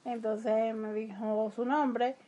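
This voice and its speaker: A woman, co-hosting a casual chat and telling stories with laughs and trailing pauses. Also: on the high side, level tone, warm tone, highs cut off. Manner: chatty, laughing, trails off when unsure. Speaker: podcast co-host.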